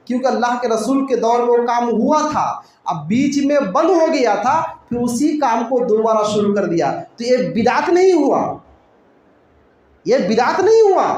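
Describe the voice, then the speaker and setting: A man's voice: high voice, darkish tone. A man giving a religious lecture in a mosque, explaining a point step by step and asking rhetorical questions that he answers himself. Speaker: Islamic preacher. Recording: very echoey room, faint noise.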